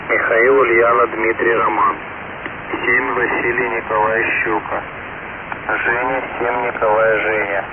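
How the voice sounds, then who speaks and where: A man on a helmet radio working as a radio operator, spelling out a coded message letter by letter with the phonetic alphabet. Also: mid-range voice. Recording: tinny radio line with loud hiss.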